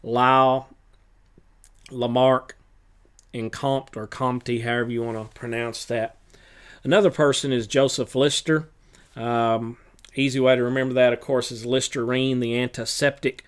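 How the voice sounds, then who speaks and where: Smooth-voiced male teacher reviewing notes. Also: mid-range voice, normal speed, long pauses. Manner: relaxed, with many filler uhs. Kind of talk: recorded review lesson.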